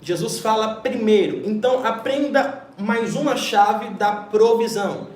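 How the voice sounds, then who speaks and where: A man, a pastor teaching a Bible lesson in an emphatic preaching style, often checking in with his listeners and addressing them warmly as his children. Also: high-pitched, measured pace, roomy sound, low-quality recording. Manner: emphatic, keeps checking in with "ok?", calls listener "filho".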